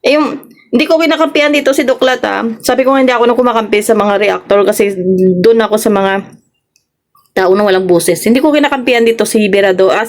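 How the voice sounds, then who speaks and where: A woman vlogger with a Filipino accent giving her reaction, scolding someone with a string of sharp rhetorical questions. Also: mid-range voice. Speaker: vlogger reacting to online drama. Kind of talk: casual reaction commentary.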